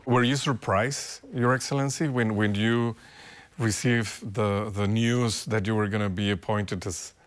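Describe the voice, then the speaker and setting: A man interviewing a bishop, asking polite, formally worded questions with frequent halting restarts. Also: fairly low pitch, steady tone.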